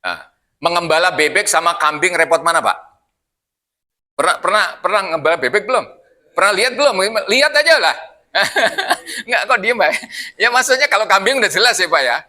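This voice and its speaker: An older man gives a mosque study sermon in a high, very bright voice. He talks in a chatty, joking way. He keeps tossing questions at the congregation. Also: animated, a little fast, long pauses. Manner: chatty, jokey, keeps asking the audience questions. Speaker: preacher.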